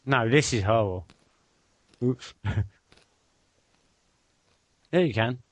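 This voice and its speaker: A man's voice: medium pitch, animated, normal speed, dry recording. A man hosting a live video chat at his computer, rambling and swearing in casual banter.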